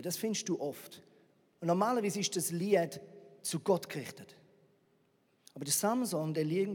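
High-voiced preacher, sarcastic. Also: male voice. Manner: animated, sarcastic retelling with rhetorical questions. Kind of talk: sermon storytelling. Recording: reverberant hall.

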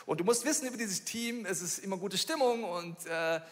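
High-voiced preacher from Bavaria in a big hall. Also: male voice, brisk. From Bavaria, Germany. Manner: lively, animated storytelling, chuckling often. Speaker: pastor. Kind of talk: sermon with a storytelling style. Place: church hall. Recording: reverberant church hall.

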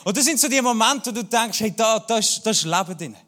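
A man's voice: high voice, expressive, fast talker, sharp tone. A man in his thirties with a Swiss German accent, preaching a church sermon full of personal anecdotes and humor. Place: church hall. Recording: long hall reverb.

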